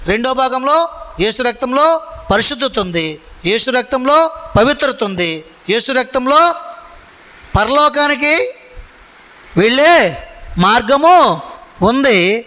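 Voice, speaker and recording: A man's voice: very high-pitched, pushed and bright. A man preaching a sermon to a congregation in a church, asking them questions and calling for their answers. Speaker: pastor. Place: church hall. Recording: long hall reverb.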